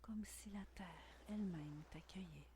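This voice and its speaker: A woman whispering a guided meditation intimately, right by the ear, in a breathy, soothing, unhurried voice with long pauses. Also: lowish voice, mellow, slight background noise. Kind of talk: guided meditation, scripted narration.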